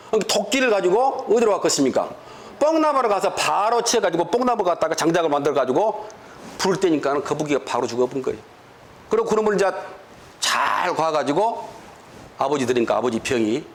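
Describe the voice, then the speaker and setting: Male lecturer, motivational talk, lively up-and-down pitch, voice a little high, storyteller who asks the room questions. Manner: animated storytelling with rhetorical questions; acts out dialect quarrels in quoted voices. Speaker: lecturer to business distributors.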